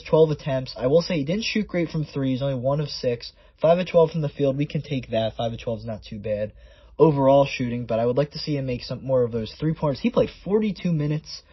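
A man with a husky, mid-range voice hosts a solo sports podcast, going stat by stat in a conversational way. There's no echo, though his voice sounds muffled, as if underwater.

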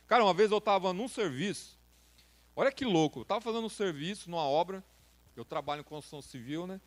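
Brazilian man preaching with slang, high voice. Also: expressive, fast. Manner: informal, slangy, direct address to listeners. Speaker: youth preacher. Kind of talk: sermon.

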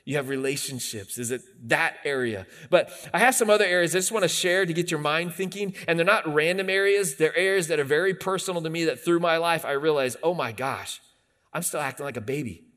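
A man's voice: on the high side, brisk, fairly bright tone. A man in his late forties, a pastor delivering a conversational sermon that rises into emphatic bursts. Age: 40s.

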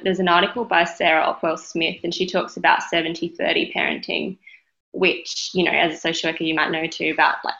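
A woman's voice: fairly low pitch, gravelly, bright, forceful tone, dull audio. An Australian woman speaking as an interview guest, reflective and feeling her way through her phrases in a conversational style. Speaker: interview guest, parenting advocate.

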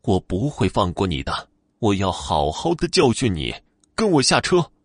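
A man's voice: lowish voice, huge pitch swings, normal speed, slightly rough, no room sound, clean studio sound, heavily acted. Man voicing an old woman ghost. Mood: accusing. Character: old woman ghost, fanged, menacing then kindly.

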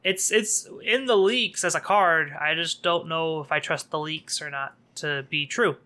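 A man's voice: on the high side, unhurried, bright, forceful tone. A man co-hosting a casual podcast, chatting about a card game with a sarcastic streak and frequent laughs. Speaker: podcast co-host.

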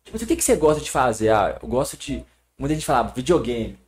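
A man hosting a casual podcast, reflecting out loud in loose, slangy talk. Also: medium pitch, animated, fast. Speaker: podcast host.

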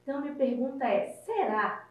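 A woman's voice: high voice, sing-song, fast, distant mic. A woman co-hosting an interview, effusive and full of fillers as she asks questions. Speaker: podcast co-host. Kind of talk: casual interview. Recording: echoey room away from the mic.

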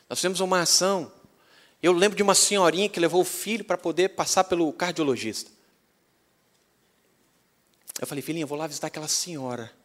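A Brazilian-accented pastor preaches through a personal story, his voice sitting somewhat high for a man. He is animated and slips into the voices of the people he quotes. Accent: Brazilian Portuguese. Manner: animated, acts out dialogue. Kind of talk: storytelling sermon.

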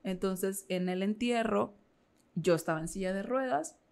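A woman's voice: mid-range voice, unhurried, creaky, a little mellow. A woman, a podcast guest telling a personal story with feeling and many fillers. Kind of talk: casual interview chat.

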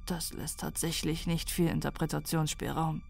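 Woman voicing a calm consoling young man. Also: deep voice, moderate pace, creaky, heavily acted. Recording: dry close recording with faint music.

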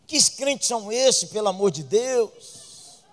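Brazilian male pastor, high voice, comic sermon delivery with sudden loud bursts. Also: expressive, takes it slowly, long reverb tail. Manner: humorous preaching with loud outbursts.

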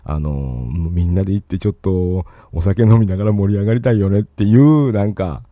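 A man's voice: low voice, fairly quick, warm tone, dry recording. A man with a Kansai accent hosting a podcast, rambling chattily on his own with lots of fillers and asides. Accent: Kansai Japanese. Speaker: podcast host. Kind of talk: casual solo podcast talk.

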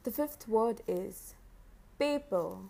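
A woman's voice: a little high, slow, gravelly, warm tone. A woman teacher dictating single words and repeating each one for a children's dictation test.

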